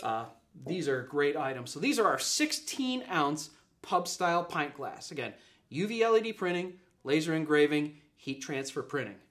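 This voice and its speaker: With a fairly high, sing-song voice that's a bit bright, this man keeps a moderate pace. He's presenting a product in an upbeat live demo at an office display table, full of fillers and points he repeats.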